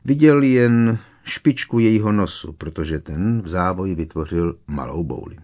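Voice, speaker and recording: A man narrating a fantasy novel as an audiobook in a steady, measured storytelling manner. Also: sits low. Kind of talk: scripted narration.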